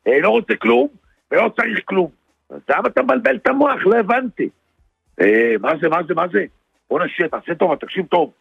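A man's voice: sits high, sing-song, gravelly, husky, no echo, phone-quality sound, soft background music. A man performing a comic phone sketch on the radio, swerving animatedly between voices. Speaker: radio comedian.

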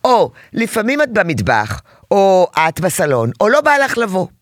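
A middle-aged woman coaching a parent, animated and acting out little scenes between parent and child to make her points. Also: medium pitch, dry recording, clean studio sound. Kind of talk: advice talk to a parent.

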